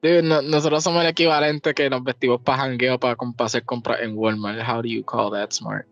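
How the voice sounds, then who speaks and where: A man's voice: medium pitch, steady tone, brisk, fairly bright tone, no room sound, lo-fi sound, soft background music. A young man from Puerto Rico with a Puerto Rican Spanish accent, chatting casually on a podcast and switching freely between Spanish and English. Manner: switches between Spanish and English mid-sentence, laughs often. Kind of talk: casual chat.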